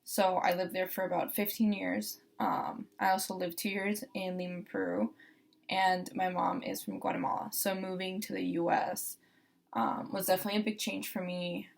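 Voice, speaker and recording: Speaking at a normal speed, this young Costa Rican law student casually recounts her own experience, often restarting and leaning on fillers. Her lowish voice is creaky and barely moves in pitch.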